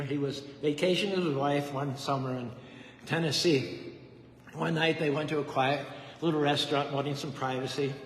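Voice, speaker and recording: A man's voice: fairly high pitch, reverberant, long reverb tail, a little hiss or hum. A man giving an emphatic sermon, building his points through repetition. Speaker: preacher giving a feast talk. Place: temple hall.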